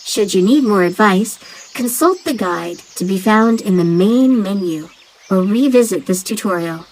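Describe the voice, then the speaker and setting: Woman as a talking dove guide, clear instructive manner, mid voice, faint noise behind. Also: mid-range voice, animated, a little slow, a little mellow, lightly acted, poor audio. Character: talking female dove, loyal helpful friend and guide. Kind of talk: game tutorial narration.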